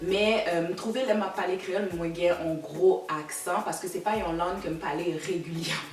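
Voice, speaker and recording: A woman's voice: fairly low pitch, fairly even intonation, a little fast, echoey room, far from the mic. A woman in her thirties from Canada with a Québécois accent, chatting casually to her viewers and repeating words for emphasis. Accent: Québécois French. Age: 30s. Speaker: vlogger. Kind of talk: casual chat to camera.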